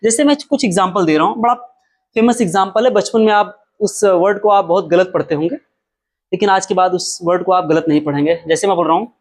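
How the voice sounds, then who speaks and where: A man teaching in an energetic, emphatic way. He poses questions and answers them at once, then says each example word slowly and deliberately, often twice over. The delivery is lively and instructive. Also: high-pitched. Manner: repeats example words slowly and drawn out, asks and answers his own questions; emphatic, animated explaining. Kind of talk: spoken pronunciation lesson.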